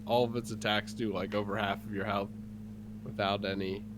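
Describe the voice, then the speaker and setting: Over noisy voice chat audio, a man with a stuffy, congested nose rambles through his gaming plans, padding them with fillers. His voice is lowish and flat, and he talks at a moderate pace.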